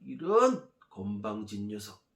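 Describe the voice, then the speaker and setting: A man voicing a proud, angry army general who shouts bossily and indignantly, in an echoey room. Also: very high-pitched, big pitch swings, normal speed, pitched above the performer's own voice, exaggerated voice.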